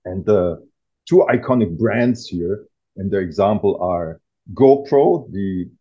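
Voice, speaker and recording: A man's voice: on the low side, animated, slow pace, slightly rough. A man explaining things with enthusiasm as a guest author in an interview. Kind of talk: casual interview talk. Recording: dull lo-fi audio.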